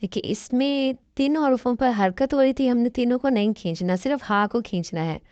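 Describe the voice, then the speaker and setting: A woman teaching Quran recitation with an Urdu accent, patiently explaining rules and sounding out each syllable slowly. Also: on the high side, darkish tone, dry recording, dull audio. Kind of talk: slow spelled-out lesson with drawn-out syllables.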